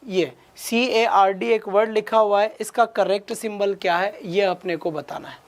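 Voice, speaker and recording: Guy teaching english exam prep online, fires quick questions at students. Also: high voice. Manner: rapid Hindi-English mix, urges students with quick questions. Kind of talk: online class lecture.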